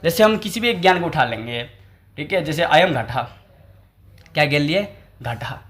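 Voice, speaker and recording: A man explains a classical text in a lecture. His voice sits a little high for a man. He keeps quizzing the listeners and then answers, repeating each technical word. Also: animated, moderate pace, fairly bright tone. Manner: asks questions and answers them himself, repeating key terms. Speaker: Sanskrit teacher.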